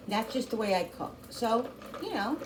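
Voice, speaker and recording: A woman's voice: fairly high pitch, lively intonation, normal speed, background noise. A middle-aged woman hosting a home cooking channel, chatting casually as she cooks, rambling with lots of restarts. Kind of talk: casual chat while cooking.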